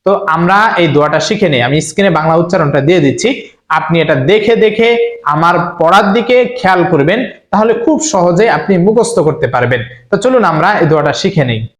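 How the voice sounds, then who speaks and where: A man's voice: on the high side, lively intonation, roomy sound. A man giving earnest religious instruction, speaking directly to the listener and repeating his points. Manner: slow chanted Arabic recitation. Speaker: Islamic preacher.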